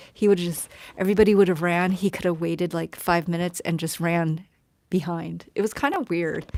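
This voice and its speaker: A woman chatting casually on her live stream, tired and rambling, often dropping to a soft whisper as she talks to viewers. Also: fairly low pitch, vocal fry, dry recording.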